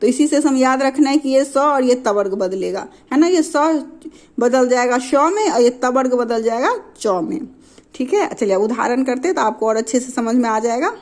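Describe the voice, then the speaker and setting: A woman's voice: a little high, lively intonation, darkish tone. A woman teaching a grammar lesson. She repeats each term and example, asks questions and answers them herself, and keeps checking that her students are following. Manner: repeats terms and examples slowly for learners.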